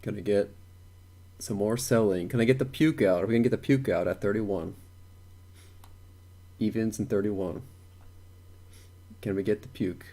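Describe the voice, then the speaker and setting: A man's voice: lowish voice, normal speed, pauses often, dark tone. A young man thinking aloud while day trading on a live stream, repeating words and chuckling to himself.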